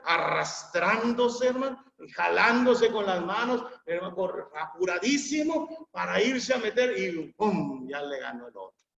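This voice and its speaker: A man's voice: high-pitched, gravelly, a bit bright. A man preaching a sermon, repeating himself emphatically and calling out to his listeners in a church hall. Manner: repetitive, emphatic, calls the listeners "hermanos". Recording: echoey church hall, dull sound.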